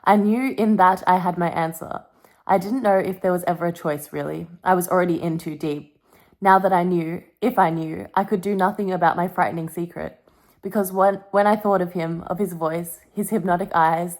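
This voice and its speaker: Speaking in a lowish, slightly mellow voice, a young woman shares a candid, confessional vlog that includes a dramatic book reading, playing it up with wry, self-deprecating melodrama.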